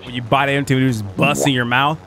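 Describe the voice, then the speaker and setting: A man's voice: medium pitch, fairly even intonation, fast, a crowd in the background. A young American man bantering casually with his squad while gaming, talking like a slangy, profane frat bro. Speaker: gamer playing with friends. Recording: game gunfire and music behind. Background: game gunfire, vehicles, music.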